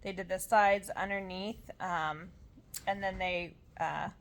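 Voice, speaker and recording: A tired woman recovering from surgery, talking in a casual, halting, rambling way as she shares an update. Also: lowish voice, steady tone, a little hiss or hum. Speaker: vlogger sharing surgery recovery. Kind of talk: casual chat.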